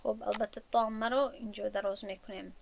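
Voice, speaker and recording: A woman's voice: mid-range voice, fairly even intonation, creaky, slight background noise. A woman teaching a recorded lesson on recitation rules, patient and explanatory and often restating her points.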